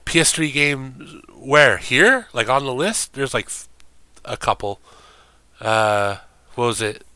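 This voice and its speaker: A man's voice: mid-range voice, slow, sharp tone, smooth, no echo. A man streaming games, talking in a rambling, profane, casual way and laughing often.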